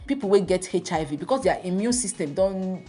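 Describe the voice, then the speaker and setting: A woman's voice: lowish voice, expressive, brisk, music in the background. A Nigerian woman speaking Nigerian Pidgin as a radio co-host, chatting conversationally about health.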